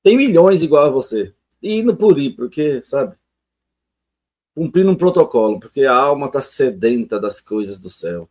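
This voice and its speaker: A man's voice: mid-range voice, sing-song, moderate pace, a little mellow, husky. A man hosting his channel, commenting on a testimony in a conversational way with emphatic asides. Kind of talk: video commentary.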